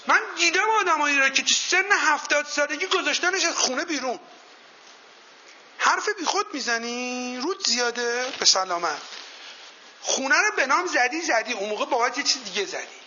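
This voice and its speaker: Very high-pitched, bright-voiced male motivational speaker. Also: a little hiss or hum. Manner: tells folk anecdotes and quizzes the audience. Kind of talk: motivational seminar talk. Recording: dull lo-fi recording.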